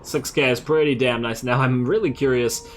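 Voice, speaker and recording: A man's voice: medium pitch, fairly even intonation, normal speed. A man giving casual, laid-back strategy game commentary, thinking aloud as he plays. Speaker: gamer, host of a let's play series. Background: game music.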